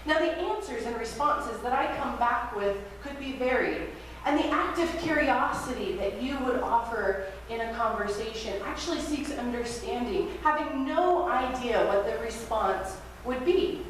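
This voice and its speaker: Woman pastor, higher voice, reflective sermon at a pulpit microphone, distant mic, faint hiss. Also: lively intonation, normal speed, hardly any pauses, very echoey. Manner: gentle, reflective, invites listeners to practice. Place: church sanctuary.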